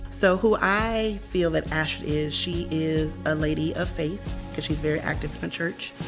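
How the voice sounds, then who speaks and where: An adult with a gravelly, creaky voice speaks admiringly, mid-pitched and steady. Soft music runs under the interview. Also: moderate pace. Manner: admiring, warm praise. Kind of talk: interview in a tribute video.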